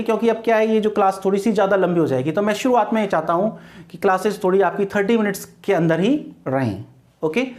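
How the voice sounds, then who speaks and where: A man teaching English vocabulary for exam prep, spelling words out letter by letter and repeating key words. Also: high-pitched. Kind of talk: online exam-prep lecture.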